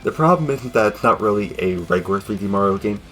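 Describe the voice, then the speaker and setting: Young male fan reviewer, low voice, rambling jokey delivery, faint music underneath. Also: animated, fast talker. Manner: jokey, rambling, sudden loud outbursts. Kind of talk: casual video review narration.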